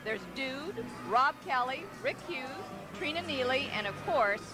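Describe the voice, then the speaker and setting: A woman's voice: high-pitched, animated, a little slow. An American woman co-hosting a live parade broadcast as commentator, mixing scripted copy with chat. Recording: outdoor street broadcast, music behind.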